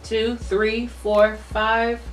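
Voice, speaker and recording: A woman's voice: on the high side, extremely slow. A woman chatting casually and chewing while she talks, telling things in a folksy, exclaiming way. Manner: animated storytelling with folksy exclamations. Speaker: mukbang co-host. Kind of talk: casual chat. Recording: echoey room, distant mic, faint music.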